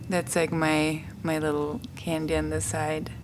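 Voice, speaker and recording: A woman from Austria, speaking slowly and dreamily in a testimonial interview, searching for words. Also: low voice, completely flat delivery, background noise.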